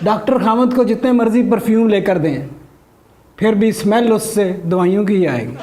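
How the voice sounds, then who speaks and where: A man's voice: sits high, moderate pace. A man, performing a stand-up comedy monologue, delivering his jokes dryly to a laughing audience. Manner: dry joke delivery with an audience laughing along. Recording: noisy recording.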